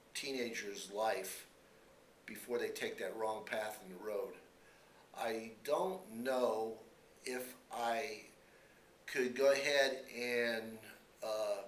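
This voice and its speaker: A man in his fifties answering questions in a student news interview, speaking earnestly and haltingly and repeating his phrases. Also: medium pitch. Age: 50s. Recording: roomy echo, faint background noise.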